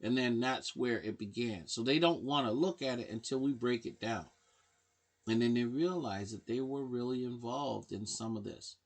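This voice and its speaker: A man with a gravelly, fry-tinged voice at an ordinary pitch, talking straight to the camera like a counselor. He lectures parents with emphatic, preachy conviction. He leans hard on rhetorical questions. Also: normal speed. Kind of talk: direct-to-camera advice talk.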